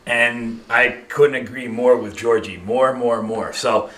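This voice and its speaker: A man's voice: mid-range voice, steady tone, takes it slowly, pushed and bright, reverberant. A man presenting as a personal trainer in a supermarket aisle, emphatic and coaxing as he gives shopping rules. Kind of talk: instructional presenting.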